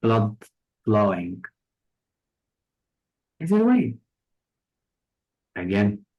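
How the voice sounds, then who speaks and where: Man, Egyptian accent, test-prep vocab tutor; slow, deliberate, patient, lots of examples. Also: lowish voice, huge pitch swings, highs cut off. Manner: patient, explains with many examples and synonyms. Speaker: English vocabulary teacher. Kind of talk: test-prep lesson explaining words.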